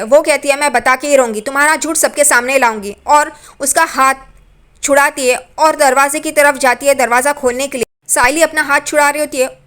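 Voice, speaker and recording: A woman's voice: high-pitched, a bit bright. A woman casually retelling a TV serial episode, with plain, repetitive storytelling. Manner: plain storytelling, repeats phrases like "yahan pe". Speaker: TV serial recap narrator.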